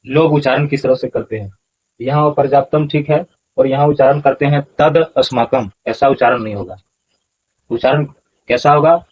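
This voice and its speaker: On a lo-fi recording, a man with a mid-range voice explains scripture verses as a teacher in an explanatory lesson. He patiently repeats pronunciations syllable by syllable.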